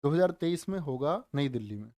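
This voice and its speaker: A man teaching a live online general knowledge class, speaking slowly and deliberately, repeating facts and quizzing his viewers, with joking asides. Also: on the high side, expressive, a little mellow, no room sound, studio quality. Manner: calls viewers "dear children", joking asides. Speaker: online exam-prep teacher.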